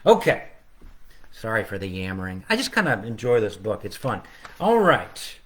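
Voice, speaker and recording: Slightly rough and on the low side, this man's voice is very animated as he moves at a moderate pace. He's a children's author hosting a relaxed home livestream from his living room, reading his picture book and wandering into playful, chatty tangents with viewers.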